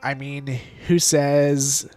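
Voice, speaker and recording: A man's voice: mid-range voice, little pitch movement, drawn-out words, darkish tone, clean tone, soft background music. Stuffy-nosed man chatting on a game stream. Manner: chatty, laughs often, greets viewers. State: stuffed up from allergies. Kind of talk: casual live-stream chat while gaming.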